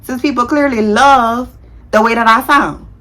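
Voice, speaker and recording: A woman in her thirties, a nurse, chatting casually to her viewers in a vlog, talking fast with a heavy tongue and sometimes tripping over words. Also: on the high side, fairly even intonation, pushed and bright. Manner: frank, slangy, addresses viewers as y'all. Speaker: nurse and content creator.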